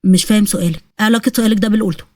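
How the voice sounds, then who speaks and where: A woman voicing a teasing, cocky teenage boy with an Egyptian accent, talking back fast in a story. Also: mid-range voice, steady tone, a little mellow, dry recording, voice pushed down, lightly acted. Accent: Egyptian Arabic.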